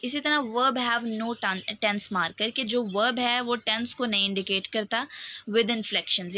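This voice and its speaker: Bright-voiced woman teaching a lesson. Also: medium pitch. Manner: explains step by step, often says "theek hai". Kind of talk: recorded lecture explaining topics.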